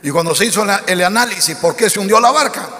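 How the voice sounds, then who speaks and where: A man preaching a sermon as pastor, driving his points with repeated lists, rhetorical questions and shouted emphasis. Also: sits high, fast talker, in a large hall.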